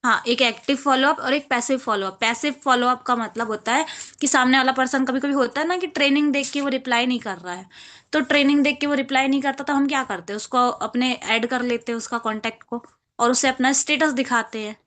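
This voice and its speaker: Woman trainer, slightly high voice, explains step by step over a video call. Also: brisk, fairly bright tone. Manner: explanatory, acts out sample phone calls. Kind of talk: online training class.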